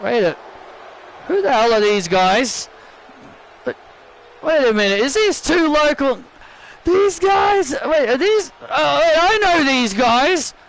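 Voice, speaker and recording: Dude calling a wrestling game, rambling and stammering, super high voice, talks slow. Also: male voice, animated, fairly bright tone, a little hiss or hum, poor audio. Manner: rambling, stammering, surprised asides. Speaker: video game commentator. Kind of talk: casual play-by-play commentary.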